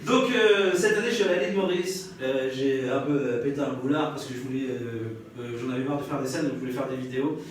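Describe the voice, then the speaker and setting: This young stand-up comedian, French-accented, rattles through stories on a live comedy stage with hardly any pauses, chatting with the audience and laughing often. His voice is mid-range and fast. Crowd noise and room echo come through a distant mic.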